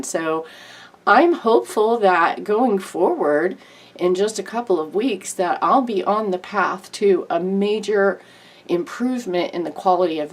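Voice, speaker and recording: A woman who makes craft videos, giving a candid, earnest and rambling personal update to her viewers in a nasal, congested voice. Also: fairly low pitch. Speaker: YouTube crafter and artist.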